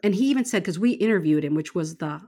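A woman co-hosting a casual book discussion, talking enthusiastically and slowing down to stress the words that matter to her. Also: on the low side, expressive, dark tone. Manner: enthusiastic, emphatic, slows down on key words. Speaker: book club co-host.

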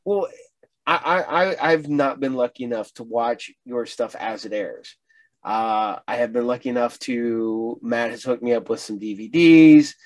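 A man hosting a casual chat, speaking in a halting, anecdotal way and often repeating words. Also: mid-range voice, a little mellow. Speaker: interviewer, online show host.

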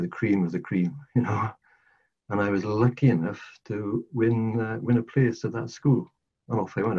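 Husky and mellow, on the low side, the voice belongs to an older man from South Wales with a Welsh accent. He's a podcast guest earnestly telling his life story and repeating phrases for emphasis, in a casual storytelling interview on dull lo-fi audio.

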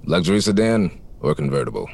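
An actor playing a wisecracking, world-weary private detective, deadpan, in a parody noir audio drama. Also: male voice, low voice, a little fast, gravelly, husky, full character voice. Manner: deadpan, hard-boiled wisecracking. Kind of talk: parody noir narration and radio drama acting.

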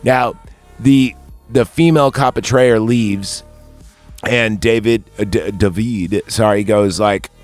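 A man hosting a casual movie review chat, blunt and profane, recapping scenes and acting out lines in a squeaky voice. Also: slow pace, darkish tone, faint music behind. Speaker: podcast host reviewing a movie.

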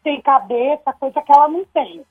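A woman's voice: high-pitched, normal speed. A woman calling in to a radio show over the phone, giving blunt, opinionated views in casual chat. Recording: tinny phone line, faint music.

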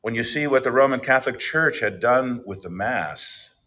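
Bright-voiced male pastor preaching. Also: medium pitch, expressive, moderate pace. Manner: emphatic scripture reading, then explaining in a plainer tone. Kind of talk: sermon.

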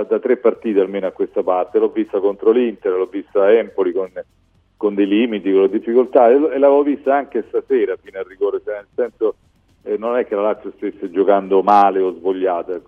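A man's voice: on the low side, phone-quality sound. A man giving discursive, explanatory football commentary as a pundit on a live radio talk show.

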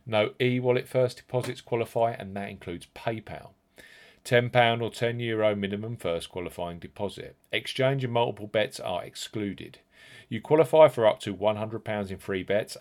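A man hosting a podcast, reading scripted promotional narration with an emphatic sales delivery and stressed key words. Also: fairly low pitch. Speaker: podcast host.

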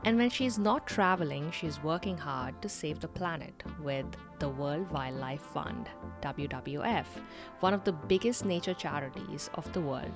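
A woman co-hosting a podcast, reading a guest introduction and asking interview questions in a measured, polite way. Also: sits low, expressive, music in the background. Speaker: podcast co-host.

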